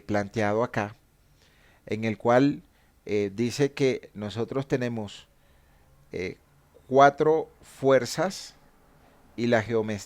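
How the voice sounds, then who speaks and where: A man teaching a statics class, explaining equations patiently and stopping to correct his own mistakes. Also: medium pitch.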